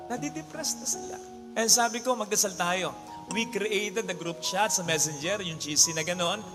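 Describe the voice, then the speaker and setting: Priest guy preaching, really high voice, booming hall echo, soft music in back. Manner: animated, swings between loud exclamations and hushed lines, mixes English into Tagalog. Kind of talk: sermon with storytelling. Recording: long hall reverb with faint music behind.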